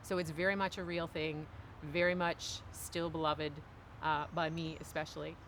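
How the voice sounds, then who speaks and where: This woman's voice is deep and a bit bright, with little pitch movement and a normal speed, plus a faint hiss or hum. She is in her forties, from Cape Breton in Canada, and gives considered, emphatic, chatty answers as an interview guest while sitting on a wooden bench beside the woods outdoors.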